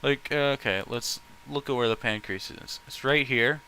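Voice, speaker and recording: A host reads fan fiction aloud, repeatedly breaking off for blunt, exasperated, incredulous asides laced with swearing. His voice is mid-range, pushed and bright, at a moderate pace, with slight background noise.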